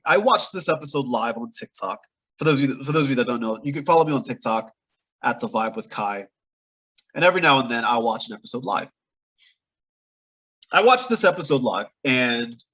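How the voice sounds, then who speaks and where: A man's voice: fairly high pitch, a bit bright, slightly rough, poor audio. A man hosting a podcast, recapping a TV episode in a casual, chatty way with playful exaggeration. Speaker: podcast host.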